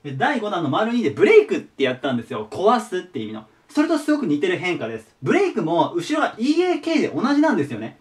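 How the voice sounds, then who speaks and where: Male tutor, patient, repeats forms, very animated pitch, a bit off-mic. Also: fast talker, few pauses, distant mic. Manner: patient, repeats each word form. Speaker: teacher. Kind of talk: explaining English vocabulary to students.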